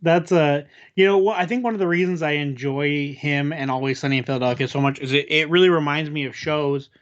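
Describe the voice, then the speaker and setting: A man's voice: on the high side, fairly quick. A man co-hosting a podcast, chatting casually and reacting with enthusiasm. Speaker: podcast co-host. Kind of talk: casual chat. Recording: slightly dull lo-fi sound.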